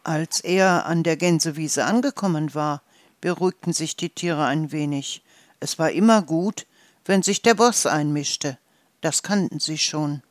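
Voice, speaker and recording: A storyteller reading a children's story aloud in a calm, measured way. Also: mid-range voice, no room sound.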